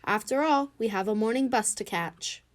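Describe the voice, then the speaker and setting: A woman voicing a kindly, mild-mannered male zookeeper in a storybook read-aloud, speaking softly and politely. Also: on the high side, expressive, moderate pace, natural voice. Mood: gentle.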